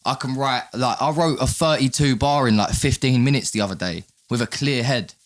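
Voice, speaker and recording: A man's voice: mid-range voice, fairly quick. A man with an urban London roadman accent and slang, talking candidly and casually as a podcast guest, often repeating his words. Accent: London, urban street. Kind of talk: casual chat.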